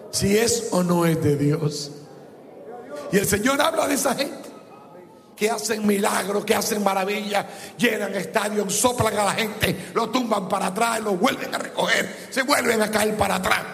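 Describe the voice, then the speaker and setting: Casting: male pastor, high gravelly voice, fiery sermon, long hall reverb. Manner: impassioned, often shouting. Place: church service.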